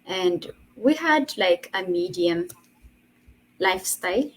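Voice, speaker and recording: A woman's voice: mid-range voice, expressive, slow, slight background noise, poor audio. A woman, a guest telling her story earnestly over a video call in a casual interview. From Ethiopia. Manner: earnest, laughs between phrases. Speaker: guest, online entrepreneur.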